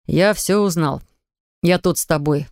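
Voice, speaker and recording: Brief: woman reading as a gentle, doting husband, soft and low, dry close studio read. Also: unhurried, no room sound. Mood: tender. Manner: soft, soothing, affectionate. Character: tender man in his thirties, devoted new father.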